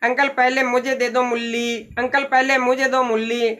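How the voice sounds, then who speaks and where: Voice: mid-range voice, level tone, unhurried, fairly bright tone, lightly acted. A teacher doing clamoring little kids. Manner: chanting, baby-talk pleading. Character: crowd of excited small children clamoring.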